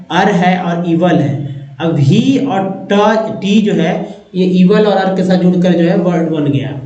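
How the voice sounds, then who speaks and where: Guy teaching english words off slides, high voice, takes it slow, repeats every meaning, echoey dull recording. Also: darkish tone. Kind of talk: slide-based vocabulary lesson. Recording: echoey room, dull lo-fi sound.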